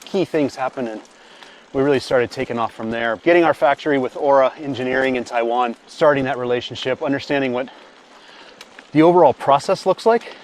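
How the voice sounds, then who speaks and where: A man who founded a bike company, answering interview questions outdoors while riding, relaxed and thoughtful. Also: medium pitch, brisk, slight background noise. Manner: relaxed, thoughtful, with fillers and restarts.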